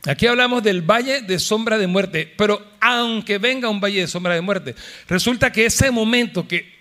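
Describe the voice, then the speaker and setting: High-voiced man preaching with passion. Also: normal speed, pushed and bright. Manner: impassioned, calls out to the congregation; acts out voices of the people in the story. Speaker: pastor. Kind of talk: sermon. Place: church service.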